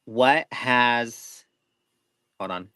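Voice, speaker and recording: A man's voice: medium pitch, extremely slow, pushed and bright, no room sound, low-quality recording. Guy doing a live tarot reading, dry sound, kinda rambly, keeps cutting himself off. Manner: rambling, self-interrupting, folksy reassurance. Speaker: tarot reader, co-host.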